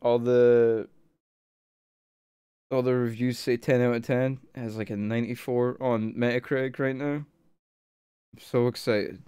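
A man streaming a game live, exasperated and swearing, with bursts of yelling between muttered commentary. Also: mid-range voice, steady tone, a little slow, long pauses, clean tone, dry recording, clean studio sound. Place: home desk.

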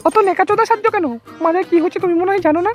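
A woman voicing a scolding, sharp-tongued old mother-in-law in a cartoon. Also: very high-pitched, racing, soft background music. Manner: scolding, nagging.

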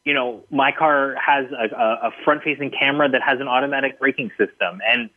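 Talking about his book over a tinny phone connection, a guest author answers briskly at medium pitch. He's thoughtful, though his speech is full of fillers and false starts.

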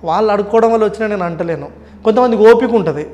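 A man, a comedian telling stories in a casual interview, animated and quick. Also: high voice, lo-fi sound. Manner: rapid, animated storytelling. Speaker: comedian guest.

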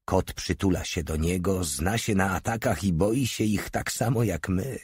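A man narrating an audiobook in a steady, measured reading. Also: deep voice, husky, dry recording, clean studio sound. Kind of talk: scripted narration.

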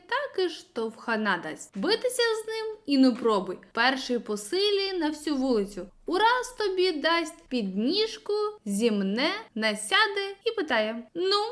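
A woman reading a school story aloud with expressive storytelling. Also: high-pitched. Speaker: reader.

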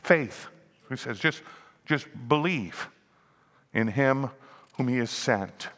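A man's voice: medium pitch, expressive, slow pace, a bit bright, long reverb tail. A man in his sixties, a pastor preaching a sermon, rising and dropping in volume and acting out the grumbling crowd. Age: 60s. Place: church sanctuary.

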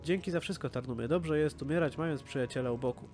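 A man's voice: on the high side, fast, darkish tone, natural voice. A man voicing a dying, frightened green dragon, speaking its last words in a weary, solemn tone over game music. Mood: sad.

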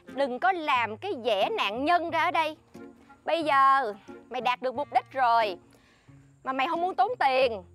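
A woman's voice: high voice, lively intonation, moderate pace, fairly bright tone, faint music behind. An actress with a Southern Vietnamese accent playing a boastful, scheming friend who bossily lectures another woman. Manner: bossy, showy, lectures her friend. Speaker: actress in a comedy sketch.

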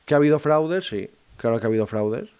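A man talks in a casual monologue, speaking straight to his listeners and often pausing and restarting his phrases as he thinks aloud. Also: mid-range voice, lively intonation, dark tone, smooth. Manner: addresses listeners directly. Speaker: host of a segment on psychophony.

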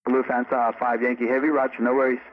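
A man working as an air traffic controller, giving calm, measured instructions to pilots over a radio with static bursts. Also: mid-range voice. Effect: radio transmission with static bursts. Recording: tinny radio with faint static.

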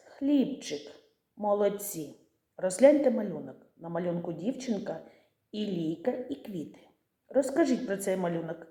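A woman teacher giving a patient, gentle lesson to young children, asking them questions and answering for them. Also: medium pitch, echoey room.

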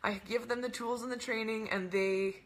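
A young woman hosting a casual coaching webinar, bubbly and rambling, gushing with enthusiasm and acting out little dialogues in a higher voice. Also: fairly even intonation, normal speed. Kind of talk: casual webinar talk to camera.

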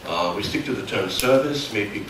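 A middle-aged German conference speaker from near the Dutch border gives a technical workshop talk in a large, darkened hall, explaining haltingly and correcting himself. His accented voice is fairly low with lively intonation, captured by a far camera mic in an echoey space with background noise.

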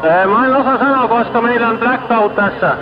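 A man's voice: extremely high pitch, fairly quick, over music. A man making an emergency distress call over marine radio, distressed and struggling for words. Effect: marine radio transmission. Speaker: ship radio operator calling for help. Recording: muffled archival marine radio recording.

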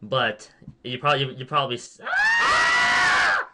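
A man's voice: fairly low pitch, normal speed, heavy background noise. A young man hosting a casual gaming chat, rambling, restarting his sentences and putting himself down. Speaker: channel host.

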